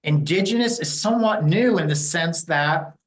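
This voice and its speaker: A man in his fifties from New Jersey, speaking frankly and bluntly in an interview. His voice sits a bit high for a man, and he pads his points with "um" and "you know". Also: moderate pace, low-quality recording. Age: 50s. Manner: blunt and opinionated, with frequent fillers. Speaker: interview guest, Native community liaison. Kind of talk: candid conversational interview.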